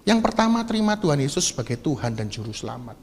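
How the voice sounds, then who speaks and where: Man, East Javanese accent, lay preacher, middle-aged, rather high voice, long hall reverb, keeps asking the crowd questions, rises to shouts. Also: big pitch swings, fast, a little hiss or hum. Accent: East Javanese Indonesian. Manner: asks the audience questions, mixes Javanese words, builds to loud shouting passages. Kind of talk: sermon to a congregation.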